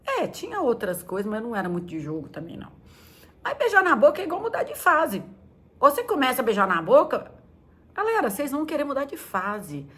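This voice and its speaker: A middle-aged woman pastor chatting with teenagers in a casual, playful way. Her pitch swings widely and her voice moves in a lively way. She keeps slipping into acted-out bits of old scenes. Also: brisk. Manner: chatty and playful, acting out quotes in high squeaky voices.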